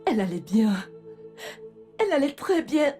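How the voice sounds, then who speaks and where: An actress dubbing a distraught wife, who pleads and calls on God in a dubbed film. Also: female voice, high-pitched, big pitch swings, moderate pace, mellow, soft background music. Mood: grieving. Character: distraught wife, adult woman.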